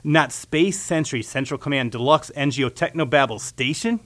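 A man's voice: fairly high pitch, normal speed, a bit bright, close to an everyday voice. A man voicing a nervous, fussy male junior engineer who fusses over details. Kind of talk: radio comedy sketch acting.

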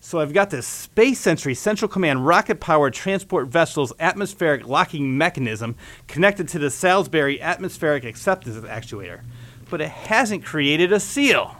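A man's voice: a little high, animated, moderate pace, a bit bright. A man voicing a nervous, fussy male junior engineer who fusses over details. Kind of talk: radio comedy sketch acting.

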